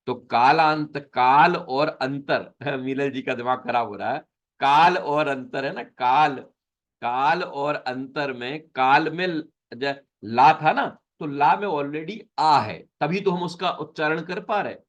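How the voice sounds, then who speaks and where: A man's voice: fairly high pitch, slow pace, lo-fi sound. A man teaching an online class on Sanskrit sutras, patiently explaining and repeating each term. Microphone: video call.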